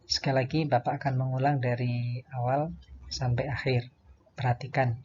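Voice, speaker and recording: A man teaching young children to recite verses, chanting each line slowly and then explaining the pronunciation patiently. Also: medium pitch, level tone, a little mellow, dull audio, slight background noise. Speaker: primary school religion teacher. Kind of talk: slow recitation lesson for children.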